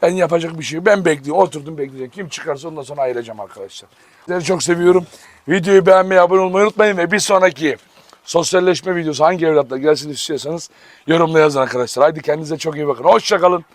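A man's voice: a little high, fast talker, no echo. A man running a dog farm vlog, calling commands to his dogs and talking animatedly to his viewers. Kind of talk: casual vlog narration.

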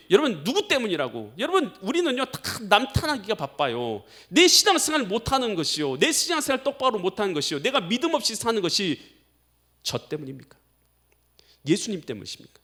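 A middle-aged pastor delivers an emphatic sermon in a fairly high voice. His pitch swings widely as he presses his points. He keeps addressing the congregation directly and slips into spoken prayers. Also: pushed and bright.

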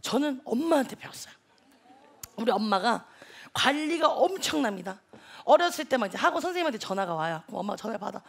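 A male comedian in a TV comedy sketch plays a brash, chatty young female online-lecture teacher, using a very high-pitched, sing-song, heavily acted voice with vocal fry. He talks fast, loudly bragging and teasing the live audience on stage, while the studio audience laughs and makes noise.

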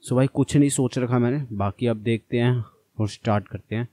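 A man's voice: mid-range voice, brisk, dark tone, no echo. Chatty man narrating gameplay. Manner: chatty, addresses viewers as brother. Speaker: gaming channel host. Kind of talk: casual gameplay commentary.

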